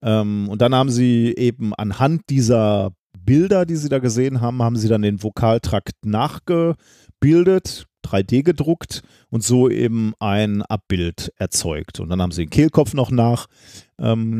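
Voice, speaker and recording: A man's voice: on the low side, measured pace, dark tone, no room sound, clean studio sound. A man co-hosting a science podcast, explaining at length in a casual way with plenty of ums and tag questions. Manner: long explanations with many filler sounds and tag questions. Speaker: podcast co-host presenting a science story.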